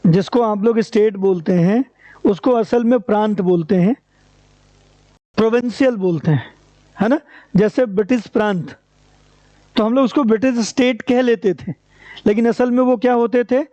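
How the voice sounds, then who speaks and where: A man's voice: high voice, normal speed, long pauses, warm tone, no echo. A man teaching an exam-prep lecture, asking rhetorical questions and answering them himself in a repetitive, drilling way. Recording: dry, dull lo-fi recording.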